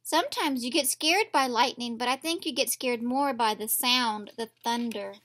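At normal speed and in a slightly high, somewhat bright voice, a woman teacher reads a picture book aloud at an indoor table, with slight background noise audible. She instructs the young children in her storybook lesson and asks them questions directly.

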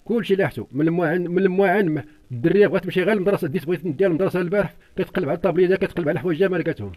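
An older man with a Moroccan accent speaks as an interviewee, recounting what he saw in an urgent, pleading, repetitive way as a distressed eyewitness. His voice sits high, a little mellow, and very fast.

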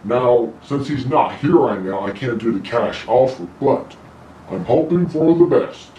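A man's voice: mid-range voice, animated, a little slow, mellow, recorded from a distance, a little hiss or hum. A young man hosting a game show, speaking to the camera from a little way off in a room. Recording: echoey room, off the mic.

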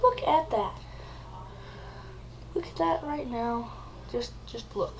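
Woman, comedic vlogger, mock-frightened, melodramatic, repeats words, slow talker, slightly high voice. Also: animated, a crowd in the background, poor audio. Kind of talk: comedic vlog.

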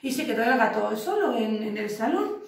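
A woman teacher telling a bedtime-style story to young children, lively and playful with her sound effects. Her voice sits high. The recording is very echoey, with the mic far from her. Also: moderate pace, creaky.

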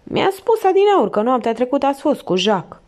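A woman's voice: sits high, very animated, a little mellow, pitched above the performer's own voice. A woman reading the part of a frightened, emotional young housekeeper who pleads and bursts into accusations. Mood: tense. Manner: pleading, then bursting into hysterical sobbing accusations.

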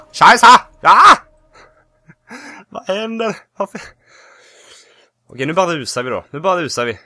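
A man giving casual, excitable gameplay commentary who yelps and shouts when he panics. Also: mid-range voice, no echo. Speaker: let's play host.

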